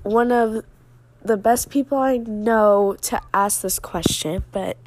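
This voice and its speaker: A woman's voice: medium pitch, slow, noisy background. A woman asking casual interview questions at home, laughing often between them.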